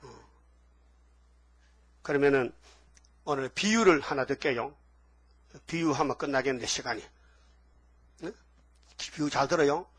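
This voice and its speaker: A man's voice: mid-range voice, a little slow, long pauses, slightly rough. A male pastor preaching a sermon, telling a story and asking the congregation rhetorical questions again and again.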